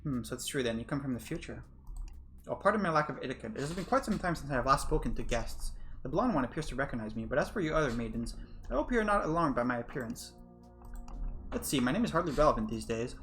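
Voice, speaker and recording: A man's voice: medium pitch, expressive, quick pace, a bit bright, soft background music, natural voice. A man voicing a polite undead male mastermind who speaks in formal, old-fashioned phrases. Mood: courteous. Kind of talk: voicing a game character.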